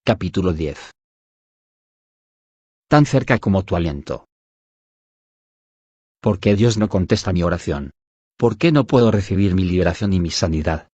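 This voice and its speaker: A man narrating a devotional audiobook in an even, measured reading style. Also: sits low, husky, dry recording, lo-fi sound. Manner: even, measured reading that voices punctuation aloud.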